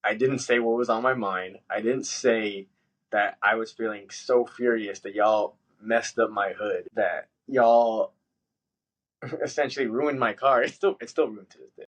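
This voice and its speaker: A man telling a story in casual podcast chat, swearing freely and jumping into high-pitched voices when he quotes himself. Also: steady tone, measured pace, poor audio. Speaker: podcast host.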